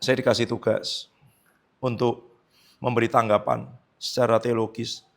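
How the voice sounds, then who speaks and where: Gravelly-voiced male pastor preaching. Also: mid-range voice, flat delivery, unhurried. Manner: conversational preaching with tag questions; acts out quoted dialogue. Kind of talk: sermon.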